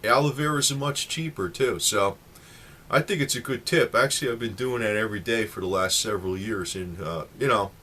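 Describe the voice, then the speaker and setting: A man's voice: fairly low pitch, fairly quick, bright, forceful tone, a little hiss or hum. A man in his late fifties giving a casual, rambling talk to the camera with lots of fillers. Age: 50s. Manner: rambling, chatty, many fillers. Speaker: vlogger.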